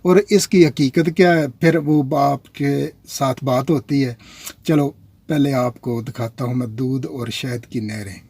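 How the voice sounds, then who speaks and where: A warm, medium-pitched male voice at a measured pace, with a faint hiss or hum in the background. The speaker, from Pakistan, rambles casually in a vlog and addresses his audience directly as "nazreen."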